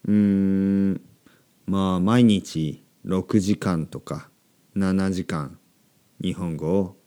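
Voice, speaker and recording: Slow, gentle man with a deep voice. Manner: gentle, repeats and explains simple words. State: slightly sore throat. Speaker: podcast host teaching Japanese. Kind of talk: slow, simple podcast talk for language learners.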